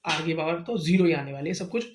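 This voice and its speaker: A man's voice: fairly high pitch, expressive, fast, reverberant. A man tutoring a student through maths steps at home, patiently checking that each step is understood. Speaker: maths teacher. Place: teaching at home.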